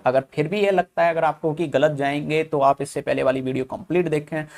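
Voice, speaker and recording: A male teacher with a Hindi accent giving a whiteboard lesson, explaining step by step and calling viewers brother, reading English statements slowly. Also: medium pitch, gravelly, darkish tone.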